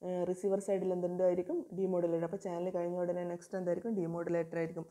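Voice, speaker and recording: A woman's voice: fairly low pitch, level tone, mellow. A woman gives a video lecture, asking her class questions and answering them herself. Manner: reads English definitions slowly. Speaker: teacher.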